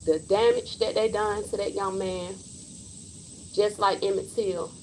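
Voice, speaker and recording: A woman's voice: mid-range voice, steady tone, unhurried, slight background noise, low-quality recording. A woman in her forties, hosting a casual livestream and speaking her mind bluntly and emphatically. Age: 40s. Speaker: livestream host.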